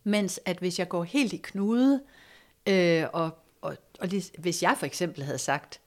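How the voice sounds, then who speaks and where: Soft-spoken woman telling a personal story. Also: on the low side. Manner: reflective, hesitant with fillers, drops to soft near-whisper at moments. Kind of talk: casual conversational storytelling.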